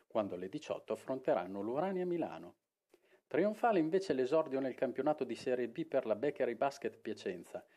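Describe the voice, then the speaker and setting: A man reading a scripted sports news report in a brisk newsreader delivery. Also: mid-range voice, mellow.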